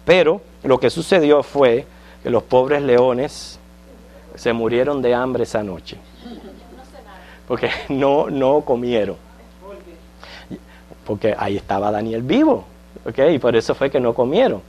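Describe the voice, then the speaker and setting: Man, Sunday school Bible teacher, chatty lesson style with frequent check-ins and light jokes, mid-pitched voice. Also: lively intonation, measured pace, long pauses, mellow. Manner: conversational, checks in with listeners with frequent questions; tells light jokes to the class.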